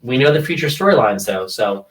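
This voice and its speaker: A man co-hosting a podcast, animatedly retelling TV scenes in casual chat. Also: brisk. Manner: animated storyteller, jumps in pitch when retelling scenes. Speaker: podcast co-host. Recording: distant from the mic.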